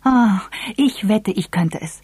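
A reader voicing Eve, an excitable and impulsive young woman, with an eager, affected manner. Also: takes it slowly, slightly rough, dry recording, full character voice. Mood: eager, teasing. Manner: eager, wheedling, high and affected.

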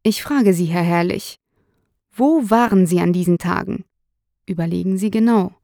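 A woman's voice: lowish voice, normal speed, vocal fry, warm tone, dry recording, clean studio sound. A woman reading the part of a stern middle-aged male police detective who asks firm, probing questions.

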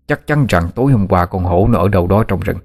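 A man voicing a seasoned forest guide who explains dangers in a steady, matter-of-fact way, in a told ghost story. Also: low-pitched, a little fast. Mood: explaining.

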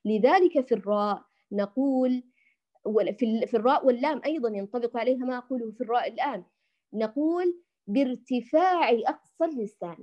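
A woman teaching Quran recitation to women, patiently demonstrating letter sounds and tenderly addressing her listeners as dear ones. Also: on the high side. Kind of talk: tajweed lesson for women. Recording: dull lo-fi recording.

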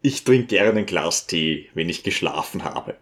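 A man voicing a smooth, scheming male visitor who talks in a coaxing, ingratiating way. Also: low voice, animated, unhurried, a bit bright, voice pushed down.

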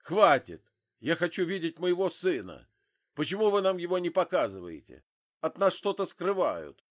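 A man voicing a drunk, grieving father who shouts in rage, in an audiobook. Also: high-pitched, big pitch swings, moderate pace, no room sound, clean studio sound, voice pushed up. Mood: enraged. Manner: shouting, raging. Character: drunk grieving father, tall middle-aged man, furious.

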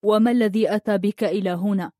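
A woman voicing a confident young prince who speaks in an assured, calm way. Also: mid-range voice, fast talker, no room sound, studio quality, close to an everyday voice.

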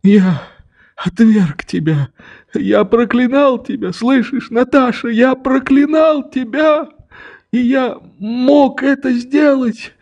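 A man's voice: very high-pitched, a little mellow, lo-fi sound, voice pushed up, exaggerated voice. A man reading the part of an old grieving father who tenderly begs his daughter's forgiveness, in a trembling, pleading voice. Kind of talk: audiobook reading.

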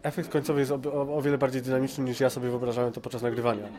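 An amateur voice actor gives a casual interview amid busy crowd chatter, hesitating and often repeating words, with a tongue-in-cheek streak. He speaks very fast in a medium-pitched voice with little pitch movement.

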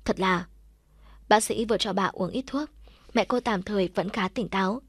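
A woman narrating a story for an audiobook in a steady, even reading. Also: mid-range voice, a little fast, husky, no echo, clean studio sound.

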